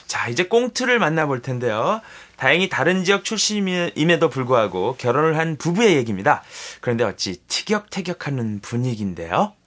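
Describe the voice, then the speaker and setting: A man's voice: mid-range voice, very animated, fairly quick, hardly any pauses, a bit bright. A man from Seoul hosting a broadcast talk show and introducing segments in a friendly way. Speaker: radio host.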